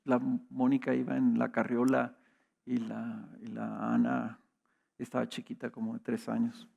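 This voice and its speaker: A man's voice: medium pitch, monotone, a little slow, vocal fry, darkish tone, lo-fi sound. A middle-aged man preaching a sermon, telling personal stories in a conversational way with rhetorical questions. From Mexico. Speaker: pastor.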